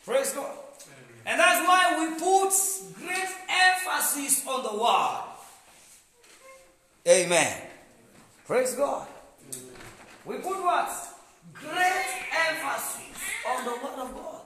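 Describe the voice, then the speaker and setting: A man's voice: very high voice, sing-song, slow, long pauses, pushed and bright. A man preaching a sermon, stressing points with call-and-response and frequent "praise God". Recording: echoey room, some noise.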